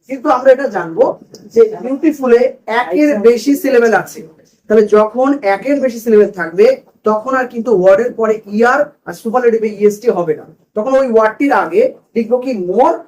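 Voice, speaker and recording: A man's voice: very high voice, a little mellow, low-quality recording. A man teaching a grammar lesson to a class in a classroom, asking questions and repeating the students' answers.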